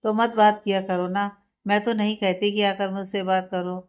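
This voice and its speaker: A woman voicing a proud young wife who answers back defiantly, in a smooth, clear voice. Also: mid-range voice, fairly even intonation, moderate pace, close to an everyday voice. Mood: indignant. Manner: defiant, indignant.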